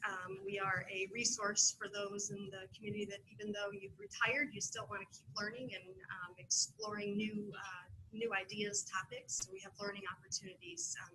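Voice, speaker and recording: A woman with a bright, forceful voice giving a panel presentation for a community center. She talks in a halting way, often stopping on fillers and restarting her sentences, with a faint hum behind her. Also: mid-range voice, rough recording.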